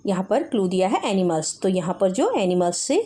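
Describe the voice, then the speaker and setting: A woman teacher patiently explaining textbook exercises to young children, mixing Hindi and English and reading word lists slowly. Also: medium pitch, animated, warm tone.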